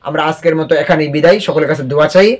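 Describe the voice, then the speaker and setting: Man, high-pitched voice, recitation teacher, question-and-answer drilling, repeats words. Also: fairly even intonation, very fast. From Bangladesh. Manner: asks questions and answers them himself, spells out letters, repeats. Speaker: Quran reading teacher. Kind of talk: online recitation lesson.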